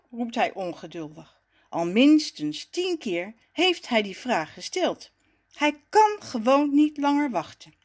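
A woman narrating a children's story in an expressive storybook manner. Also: on the high side.

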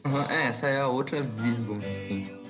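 A man's voice: mid-range voice, moderate pace, music in the background. A man co-hosting a podcast, chatting casually and slangily about songs. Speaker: podcast co-host. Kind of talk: casual chat.

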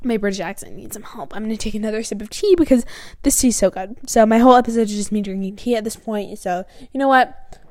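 A woman's voice: medium pitch, quick pace, darkish tone. A teenage girl rambling casually on her own podcast, full of fillers, recorded in her bedroom with a mic close to her chin. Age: teens. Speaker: podcast host. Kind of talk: casual solo podcast chat. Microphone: close mic near the chin.

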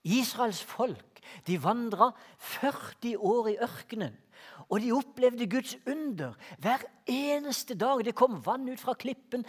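A man from Norway, preaching a sermon in a church hall, moving between slow emphatic lines and quicker asides as he tells stories. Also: extremely high pitch. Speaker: pastor.

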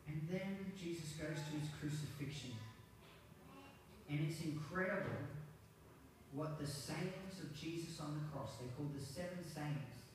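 A man delivering a Good Friday sermon in a relaxed, conversational way, full of rhetorical questions to the congregation. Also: fairly high pitch. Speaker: pastor. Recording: very echoey hall, distant mic, faint noise.

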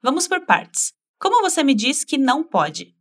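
Patient woman teaching phrases, slightly high. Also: very animated, noisy background. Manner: patient, models phrases slowly for repetition. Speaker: language teacher. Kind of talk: spoken language lesson.

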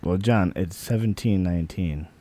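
A man in a casual podcast chat, dropping quick deadpan corrections. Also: low-pitched, dry recording.

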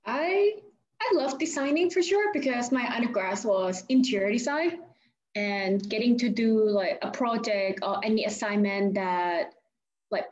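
A young woman in her twenties from Thailand with a Thai accent, answering interview questions in a halting, casual way full of "like" fillers. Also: mid-range voice, darkish tone, roomy sound, muffled recording. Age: 20s. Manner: halting, many "like" fillers and restarts. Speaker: guest, architecture graduate student.

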